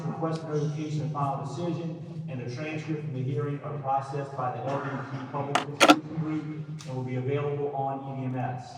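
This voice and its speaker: A man with a middle-pitched voice chairs a public hearing, reading procedural notices and stumbling here and there. The recording is a roomy hearing-room capture with a long hall reverb. He sounds distant from the mic, with steady background noise underneath. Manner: reads boilerplate, stumbles over words. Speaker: hearing officer. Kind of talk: formal procedural announcements.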